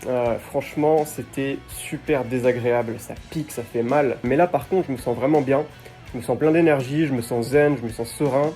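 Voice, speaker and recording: A man's voice: medium pitch, normal speed, dark tone. A man talking informally to camera in an unscripted vlog, thinking aloud. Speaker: vlogger. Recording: music behind the voice.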